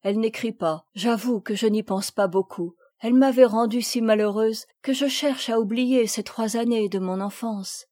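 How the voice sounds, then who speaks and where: A shy little girl of nine who pleads through tears, as a woman reader puts her on. The voice sits a little high and sounds soft and mellow, with a dry close sound. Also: moderate pace, hardly any pauses, no echo, natural voice. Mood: sad. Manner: pleading, tearful. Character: nine-year-old girl, timid and tearful.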